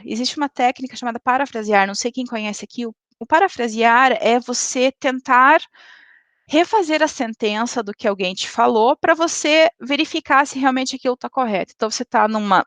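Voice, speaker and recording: A woman lecturing in a webinar, speaking didactically and tagging points with quick checks to the audience. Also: fairly high pitch, fairly bright tone, dry recording. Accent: Brazilian Portuguese. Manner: didactic, frequent "tá?" tag questions.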